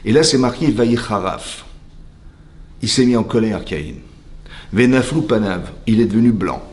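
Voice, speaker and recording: A man, a rabbi, giving a lively religious lesson. He asks rhetorical questions and keeps checking that his listeners follow him. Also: lowish voice, a little slow. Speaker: rabbi teaching a class. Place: lecture hall.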